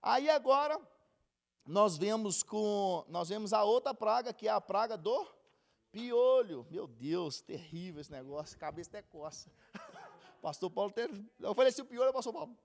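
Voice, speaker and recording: A man's voice: high-pitched, lively intonation, normal speed, gravelly. A man with a Brazilian Portuguese accent teaching a casual Bible class, chatty and joking as he goes. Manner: chatty, jokes and laughs while teaching.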